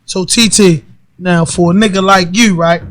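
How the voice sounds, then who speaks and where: A high-pitched Baltimore man in his forties runs this podcast interview. He asks blunt, probing questions in loose street slang. His voice sits dry and close to the mic. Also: fairly even intonation, normal speed, fairly bright tone, dry recording. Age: 40s. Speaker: podcast host. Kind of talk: casual interview chat.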